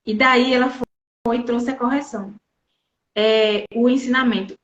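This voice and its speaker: Brazilian woman, Bible teacher, somewhat high voice, talks straight to her listeners; dull, roomy recording. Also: steady tone, normal speed, a little hiss or hum. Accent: Brazilian Portuguese. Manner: conversational, addresses listeners directly.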